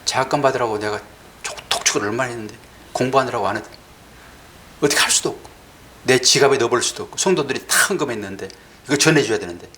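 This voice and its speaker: A middle-aged male pastor giving a conversational sermon, asking the congregation questions and voicing God's replies in a low, slow tone. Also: pushed and bright, slight background noise.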